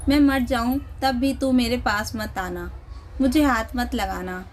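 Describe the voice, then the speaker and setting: A woman's voice: a little high, unhurried, slight background noise, close to an everyday voice. A woman narrator voicing an elderly mother-in-law who scolds harshly and stubbornly. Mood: angry, scolding.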